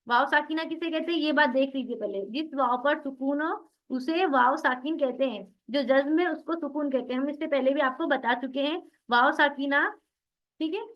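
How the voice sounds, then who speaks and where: High-voiced woman drilling tajweed syllables. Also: dull audio. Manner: asks questions and answers them herself; drills syllables slowly, one by one. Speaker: Quran recitation teacher. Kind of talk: online tajweed class.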